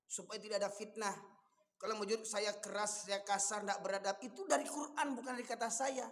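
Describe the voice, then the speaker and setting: A man with a Minangkabau accent, preaching a fiery, scolding sermon that rises to shouts. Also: high-pitched, steady tone, a little fast. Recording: long hall reverb.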